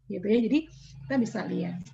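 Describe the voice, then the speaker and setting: A woman's voice: medium pitch, fast, gravelly, mellow, a little hiss or hum. A woman lecturer in psychology, explaining interviewing casually and acting out example dialogues, often adding "gitu ya". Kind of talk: online class lecture. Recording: slightly dull lo-fi online lecture audio.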